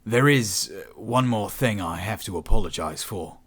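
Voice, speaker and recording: An awkward young man apologizing with hesitation, as a male narrator does him. His voice is low and husky. He speaks in a subdued, unhappy way. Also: expressive, normal speed. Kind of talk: audiobook narration.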